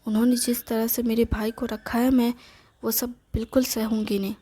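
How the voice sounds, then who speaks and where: A woman's voice: fairly high pitch, flat delivery, normal speed, warm tone, breathy edge. A woman reading the lines of a determined young heroine who insists on going alone, in her own voice.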